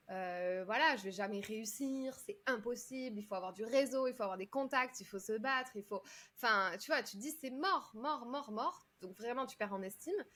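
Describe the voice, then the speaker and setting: Brief: woman from France, guest storyteller, fairly high voice, lively and chatty with fillers and restarts. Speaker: guest, public speaking coach. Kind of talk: casual interview storytelling.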